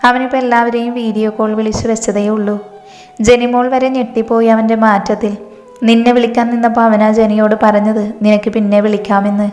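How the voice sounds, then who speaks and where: A woman's voice: a little high, flat delivery, brisk, darkish tone, lightly acted. A woman doing an impatient scolding mother. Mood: hurrying. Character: fussy middle-aged mother, impatient and sharp. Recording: echoey room, long reverb, faint music.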